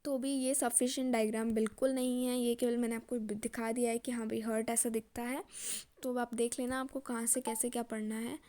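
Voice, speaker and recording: A young woman teaching a revision lesson, reading English definitions slowly and then explaining them in casual Hindi. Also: on the high side, dark tone.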